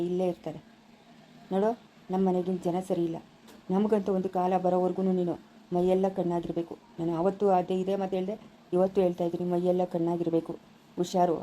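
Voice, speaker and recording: A woman's voice: lowish voice, mellow, a little hiss or hum, lightly acted, rough recording. A woman voicing a cautious, firm husband who lectures his wife.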